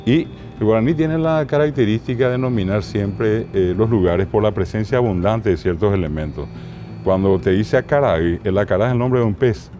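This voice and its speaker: A man with a Paraguayan Spanish accent, a linguist guest explaining place names in an interview, didactic and slow on each word. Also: on the low side, lo-fi sound, noisy background.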